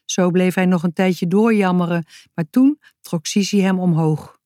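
A woman reads a children's story aloud, very slowly and calmly, in a low, mellow voice. The recording is dry and close, with no room sound. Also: no echo. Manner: calm, measured storytelling. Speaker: narrator. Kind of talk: reading a children's book aloud.

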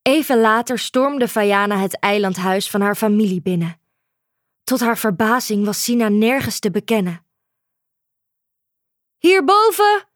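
A woman narrating a children's storybook in a calm, measured way. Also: mid-range voice, no echo, studio quality. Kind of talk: storybook reading.

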